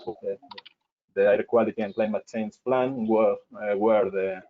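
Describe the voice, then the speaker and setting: A man giving a webinar presentation over a video call, halting and restarting, his audio breaking up on a crackly line. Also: lowish voice, fairly even intonation. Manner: halting, many fillers and restarts. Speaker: city council presenter. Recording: tinny phone-like call audio cutting out.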